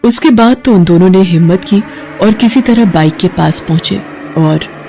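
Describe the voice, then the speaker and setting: Woman narrator, mid-pitch, steady dramatic scripted storytelling for animated horror. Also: moderate pace, a little hiss or hum.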